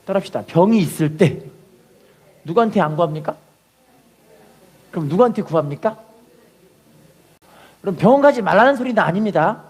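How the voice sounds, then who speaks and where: A man's voice: expressive, moderate pace, long pauses, breathy edge. A man preaching a sermon to his congregation, leading call-and-response and crying out prayers as he tells them. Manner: cries out acted prayers at a high pitch. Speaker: pastor. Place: church sanctuary.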